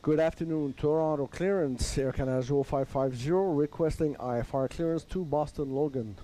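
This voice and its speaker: A man's voice: a little high, fairly quick, mellow, slight background noise, poor audio. A man talking like a pilot into a cockpit headset mic, making radio calls with hesitant, self-correcting phrasing. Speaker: flight sim player as pilot. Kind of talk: radio calls to air traffic control.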